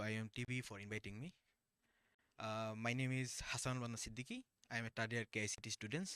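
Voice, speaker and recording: A young man from Bangladesh, a university student, giving earnest, halting answers as a talk show guest. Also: lowish voice, a bit bright, dry recording, clean studio sound. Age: young adult. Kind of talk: casual interview answers.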